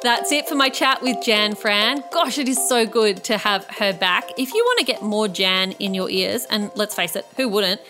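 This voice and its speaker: A woman's voice: medium pitch, expressive, normal speed, few pauses, music in the background. A woman, presenting as a podcast host in a polished, conversational style.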